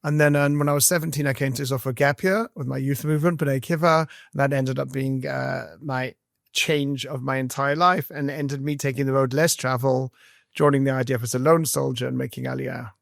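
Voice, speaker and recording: Speaking as an interview guest, this army medic and educator in his fifties, with roots in South Africa and England and a blended English and South African accent, earnestly recounts his story with plenty of fillers. The recording is studio quality with no room sound, capturing a gravelly, medium-pitched voice that keeps fairly even intonation and moves a little fast.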